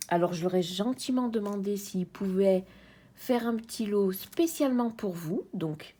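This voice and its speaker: A French-accented woman chatting cheerfully in a casual unboxing video, sometimes dropping to a soft whisper. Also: medium pitch, lively intonation, a little slow, husky. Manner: bubbly, chatty, drops to soft whispers at times. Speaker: crafts YouTuber.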